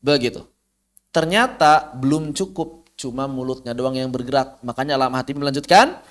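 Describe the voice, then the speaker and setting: A man teaching a recitation lesson online, patiently explaining and demonstrating sounds by repeating drawn-out syllables, often asking and answering his own questions. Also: medium pitch. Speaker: tajwid teacher.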